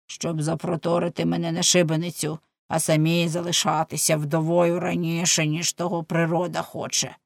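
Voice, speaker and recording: An actor playing a drunken, boastful innkeeper who rambles and slurs in an audiobook drama. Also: male voice, a little high, creaky, dry recording, studio quality.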